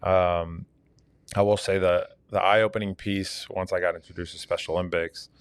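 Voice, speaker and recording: A man's voice: low voice, level tone, moderate pace, clean tone, dry recording. A man from Argentina, a fitness coach, talking earnestly as a podcast guest with many fillers. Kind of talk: casual interview talk.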